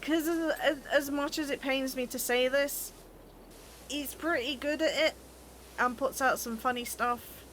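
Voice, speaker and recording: A woman's voice: sits high, fairly even intonation, a little slow, fairly bright tone, slight background noise. A British woman in her twenties, chatting casually with her chat while playing a game. She teases people, laughs often and trips over her words. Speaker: game streamer.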